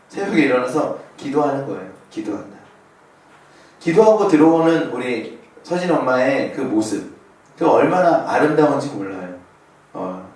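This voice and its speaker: A man's voice: mid-range voice, darkish tone. Man, pastor, sermon, personal storytelling, questions to the congregation, very echoey hall, distant mic.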